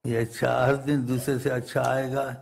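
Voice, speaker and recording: Gravelly man preaching with story voices. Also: mid-range voice, level tone, darkish tone. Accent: Pakistani Urdu. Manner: storytelling sermon, acting out quoted voices, repetitive counting. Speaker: religious teacher. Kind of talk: sermon storytelling.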